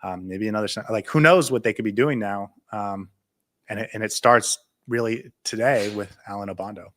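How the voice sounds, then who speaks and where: A man co-hosting a casual podcast, talking excitedly and quickly until he runs short of breath. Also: lowish voice, slight background noise. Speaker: podcast co-host. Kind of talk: casual chat.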